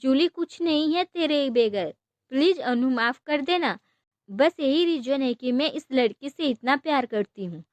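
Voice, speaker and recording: A woman's voice: high-pitched, lively intonation, unhurried, no room sound. A woman voicing a young, gushing best friend, pleading through tears in a storybook. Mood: tearful pleading. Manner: emotional, pleading, mixes Punjabi and English words.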